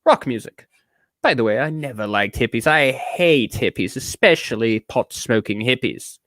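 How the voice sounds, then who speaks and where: A drunk man putting on an affected fake British accent to read aloud in a slow, grand, pompous way. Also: fairly high pitch, very animated, no echo.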